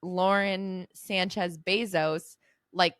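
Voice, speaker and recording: A woman's voice: fairly low pitch, steady tone, slow, fairly bright tone, clean tone, no room sound, studio quality. A young woman in her twenties co-hosting a podcast, chatting casually in a teasing, giggly way. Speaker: podcast co-host. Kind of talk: casual chat.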